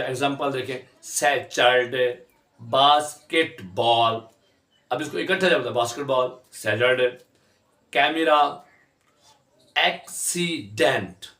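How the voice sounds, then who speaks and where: A man teaching a lesson on English syllables, stretching each example word out slowly as he drills pronunciation. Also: medium pitch, a bit bright, reverberant.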